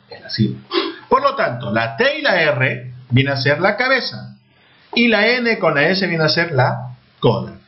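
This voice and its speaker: A man with a Peruvian Spanish accent, teaching a class. He asks questions and answers them himself, and spells out letters slowly. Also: a little high. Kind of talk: classroom lecture. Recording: dull lo-fi sound.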